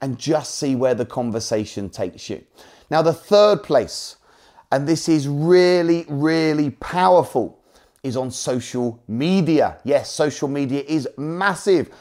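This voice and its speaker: A man's voice: on the high side, a little slow, a little mellow. Motivational British man with an Essex accent. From Essex, England. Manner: emphatic, salesy, repeats key points for effect. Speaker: property investment trainer. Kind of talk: motivational teaching presentation with personal anecdotes.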